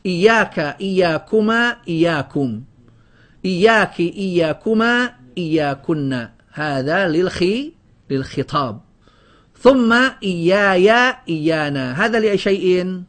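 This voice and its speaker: A man's voice: sits high, lively intonation, measured pace, fairly bright tone. A man teaching a grammar lesson to a class, drilling word lists and quizzing students with questions. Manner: often breaks off and restarts words.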